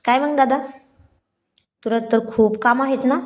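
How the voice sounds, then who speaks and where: A woman's voice: sits high, unhurried. A woman voicing a cheeky, teasing younger sister in a spoken story.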